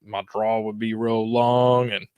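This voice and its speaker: A man from Kentucky, a guest co-host, talking politics in an animated, casual way with lots of fillers. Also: fairly low pitch, measured pace, clean tone, dry recording, dull audio. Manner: animated, conversational, frequent fillers.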